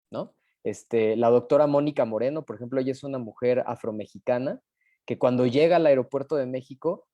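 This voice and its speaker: A man's voice: medium pitch, mellow, no echo, studio quality. A man with a Mexican accent explaining an idea in a live online talk, with many fillers and rhetorical questions. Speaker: panelist.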